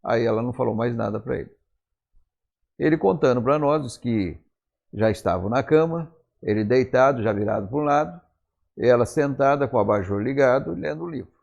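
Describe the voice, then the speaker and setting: A man's voice: medium pitch, a little fast, creaky, darkish tone, lo-fi sound. A man with a Brazilian accent preaching a sermon in church, telling stories in a conversational way and acting out the dialogue. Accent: Brazilian Portuguese. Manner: conversational, acts out quoted dialogue. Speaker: pastor. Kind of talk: storytelling sermon.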